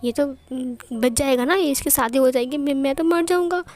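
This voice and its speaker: A woman's voice: high voice, normal speed, a little mellow, close to an everyday voice. A woman voicing a frightened young man who stammers and pleads frantically. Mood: panicky. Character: scared young man, whiny and panicky.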